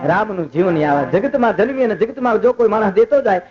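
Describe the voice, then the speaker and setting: A man's voice: sits high, crowd noise. A man, telling funny stories and moralizing on stage at a festival program, acting out the dialogue in his anecdotes. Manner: rapid anecdotes acting out quoted dialogue, turning earnest and moralizing. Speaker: folk humorist. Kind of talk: live stage humor storytelling. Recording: lo-fi live recording with music behind.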